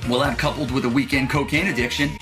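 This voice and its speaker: A man's voice: medium pitch, steady tone, fast talker, close to an everyday voice. A man playing a cocky, sardonic young schemer in a cartoon, explaining things in a wry, long-winded way. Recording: music behind the voice.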